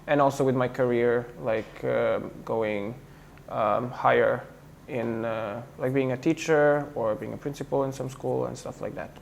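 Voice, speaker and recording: A man's voice: mid-range voice, steady tone, a little slow, vocal fry, slight background noise. Hesitant young man with a Serbian accent. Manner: hesitant, many fillers and restarts. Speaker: interviewee. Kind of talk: casual interview talk.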